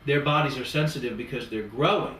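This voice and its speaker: This natural health practitioner lectures a client on his approach, piling up long lists and analogies during their consultation. His medium-pitched voice is brisk and fairly bright. There's slight background noise, and the recording is echoey with the mic set at a distance.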